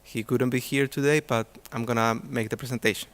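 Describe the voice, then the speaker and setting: Presenting at an academic conference, a man from Chile with Spanish as his first language talks in a mid-range, fairly bright voice. His tone stays steady and his pace is brisk, though he stumbles through frequent fillers and restarts.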